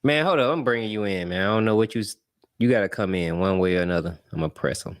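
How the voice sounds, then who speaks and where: A man hosting a casual livestream chat, loud and joking, trash-talking his guests. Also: lowish voice, fast. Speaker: host.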